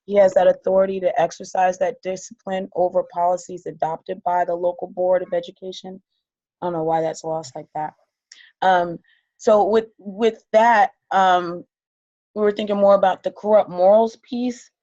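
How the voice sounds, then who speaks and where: Woman losing her voice a bit, low mellow tone, lots of ums, muffled lo-fi sound. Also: fairly even intonation, moderate pace. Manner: hesitant, many ums and restarts. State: losing her voice, slightly hoarse. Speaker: student in a leadership course. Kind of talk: class discussion of a case study.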